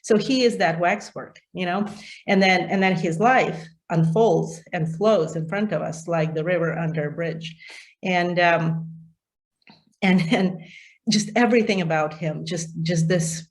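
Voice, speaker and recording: A woman's voice: fairly low pitch, a little slow. A middle-aged woman leading an informal book discussion, enthusiastic, with many fillers and restarts. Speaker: literature discussion leader.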